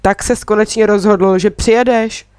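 A woman's voice: mid-range voice, fairly even intonation, darkish tone, smooth, no echo, natural voice. A woman reading a friendly, easygoing young man, the older brother, in a children's story.

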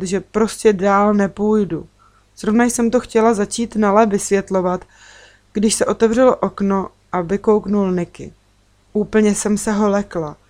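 A woman narrates a children's story in the first person. Her reading is calm and measured, with an even storytelling pace and a middle-pitched voice. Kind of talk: children's book read aloud.

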